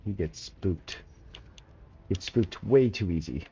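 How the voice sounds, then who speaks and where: Laid-back, mellow-voiced male game streamer. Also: low voice, animated, takes it slowly, husky, highs cut off. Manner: laid-back, chatty, slangy, talks to chat. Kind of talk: casual gameplay commentary.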